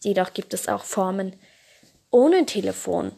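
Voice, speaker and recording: A woman voicing a small, proud fire lizard creature who speaks slowly, plainly and with calm stubbornness in a storybook tale. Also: medium pitch, gravelly, slightly rough, exaggerated voice. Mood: defiant.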